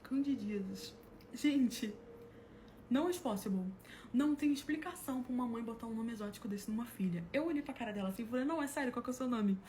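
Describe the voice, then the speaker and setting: Fast-talking Brazilian woman telling a story. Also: on the high side, a little hiss or hum. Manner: animated, laughs at her own story, acts out quotes. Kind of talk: casual comic storytelling.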